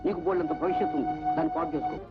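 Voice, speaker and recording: A man's voice: on the high side, fairly even intonation, rapid-fire, lightly acted. A middle-aged actor playing a henpecked father with a dry, wry way of talking, in an old film. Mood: advising. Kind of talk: Telugu film dialogue. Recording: dull old film soundtrack with music.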